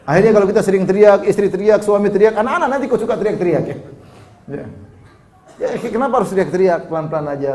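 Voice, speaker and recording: A man's voice: on the high side, a little mellow. A man preaching a sermon, putting questions to the audience and repeating key words for emphasis.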